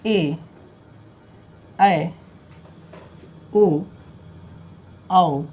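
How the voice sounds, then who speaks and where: A man's voice: high voice, very slow, a little mellow, husky. A male teacher giving an exam-prep lesson, repeating questions, answering them himself and reciting letters aloud one by one.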